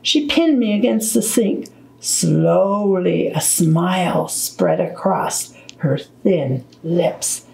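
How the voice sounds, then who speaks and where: A woman reading a children's book aloud at storytime, slow, deliberate and gentle. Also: on the low side, animated, gravelly, reverberant, rough recording. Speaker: storytime reader.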